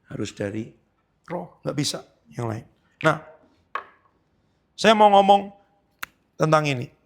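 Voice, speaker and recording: A man delivers a sermon as a pastor, talking to his congregation in a relaxed, conversational way. His voice sits a little high and has a gravelly edge. He keeps asking the room questions as he preaches. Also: slow pace.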